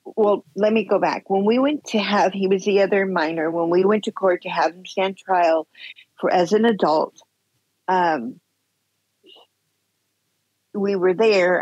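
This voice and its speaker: Husky-voiced middle-aged woman, blunt. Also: mid-range voice, no echo. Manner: blunt, retells scenes with quoted dialogue. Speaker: podcast guest. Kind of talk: candid personal storytelling. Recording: dull lo-fi sound.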